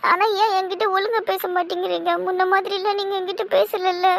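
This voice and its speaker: A woman playing a very high, pleading young woman. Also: little pitch movement, a little fast, creaky, a bit bright, a little hiss or hum, exaggerated voice. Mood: defensive. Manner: plaintive, pleading, self-pitying. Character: hurt, pleading young woman who feels unloved.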